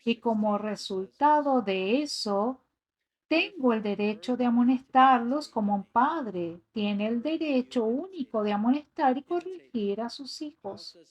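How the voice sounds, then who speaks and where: A woman's voice: fairly high pitch, animated, a little slow. A woman giving an earnest voice-over translation of a sermon, reading scripture passages aloud. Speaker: sermon interpreter.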